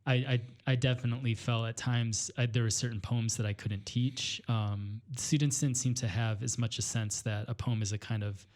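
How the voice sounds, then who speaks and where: Man, from Illinois, podcast guest, reflective, hesitant, many fillers, middle pitch. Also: steady tone, moderate pace, few pauses. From northwestern Illinois, US. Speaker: guest poet and teacher. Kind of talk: reflective conversation.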